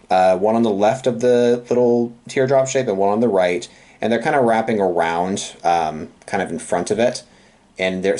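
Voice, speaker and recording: A man's voice: mid-range voice, a little mellow. A man chatting casually and playfully as he plays a pictionary guessing game. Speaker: player in a drawing guessing game.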